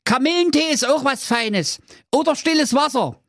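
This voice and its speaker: A man's voice: extremely high pitch, animated, moderate pace, a bit bright, dry recording, clean studio sound, pitched above the performer's own voice, full character voice. A man voicing a foolish, cheerful young man in a comedic storybook, talking in a goofy, chirpy voice. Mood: naive cheerful.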